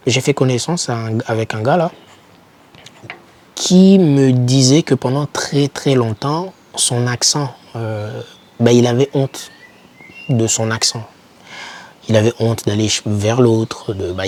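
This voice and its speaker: A young YouTuber with a mid-range, darkish voice gives foreign students informal motivational advice straight to camera. Speaking a little slowly, he stresses his points and repeats key words to spur the listener on.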